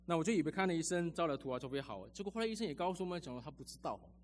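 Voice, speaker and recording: A man's voice: fairly high pitch, animated, rapid-fire, slight background noise. A man preaching a sermon as a pastor, telling personal stories in a chatty way with lots of sentence-final particles.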